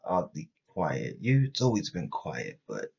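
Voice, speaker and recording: A man's voice: low-pitched, huge pitch swings, unhurried, gravelly, darkish tone, slightly rough, highs cut off. A man improvising narration as the game master of a tabletop role-playing game.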